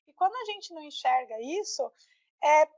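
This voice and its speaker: High-voiced Brazilian woman chatting casually. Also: lively intonation, moderate pace, darkish tone, dry recording, muffled recording. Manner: chatty, emphatic, frequent "né" tag questions. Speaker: podcast co-host. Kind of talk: casual conversational chat.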